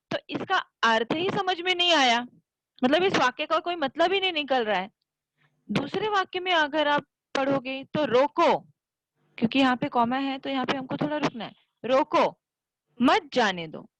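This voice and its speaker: Woman, teacher, school grammar lesson, patient step-by-step explaining, lively pitch, dry close sound. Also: no room sound, poor audio.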